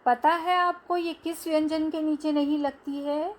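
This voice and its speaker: A woman's voice: sits high, fairly even intonation, a little slow. A woman teacher giving a language lesson to young children, stretching out each syllable.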